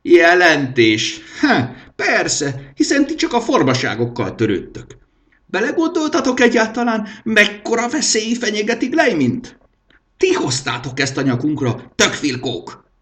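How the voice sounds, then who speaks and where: A man voicing a shrill, tyrannical king of lost things in a storybook reading, with a screeching high voice. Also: wildly swooping pitch, a bit bright, full character voice. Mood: shrieking rage.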